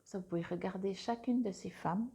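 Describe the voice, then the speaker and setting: A woman's voice: mid-range voice, a little fast, dark tone, breathy edge. A woman doing a casual monthly card reading on a clip-on mic, hesitant, with many fillers and restarts. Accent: Swiss French. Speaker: tarot card reader.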